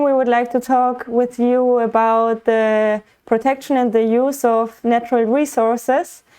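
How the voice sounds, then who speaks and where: A woman interviewer reads prepared questions in measured, formal phrasing. Her voice is slightly high, smooth and mellow.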